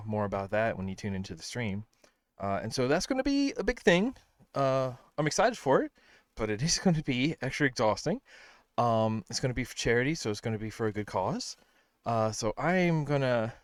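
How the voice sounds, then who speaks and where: A man's voice: medium pitch, clean tone, dry recording, studio quality. Tired, rambling man streaming games. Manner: rambling, self-deprecating, many fillers. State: tired, out of breath. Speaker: streamer host. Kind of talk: casual livestream chat.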